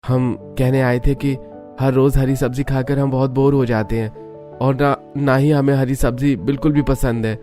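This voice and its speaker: In a cartoon family drama, an actor voices a grown son who is fed up with his family's rules and pushes back with insistent defiance. His voice is mid-range, mellow and flatly delivered at normal speed, lightly acted, with faint music in the background.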